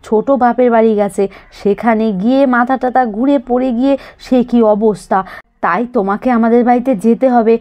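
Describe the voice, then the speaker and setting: A woman's voice: a little high, a little mellow, close to an everyday voice. A woman voicing a talkative young village woman telling family news in a doll cartoon.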